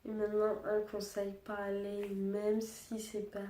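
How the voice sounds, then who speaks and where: A young woman speaking quietly and hesitantly in a personal vlog, subdued and sad, with halting, restarting sentences. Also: medium pitch, monotone, reverberant, far from the mic. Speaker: vlogger.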